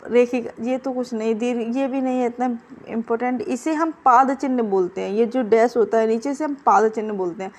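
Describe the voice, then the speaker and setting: Woman tutor for exam prep, brisk and coaching, somewhat high voice, drills each answer twice. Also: fairly even intonation. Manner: quizzing and repeating answers. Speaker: teacher.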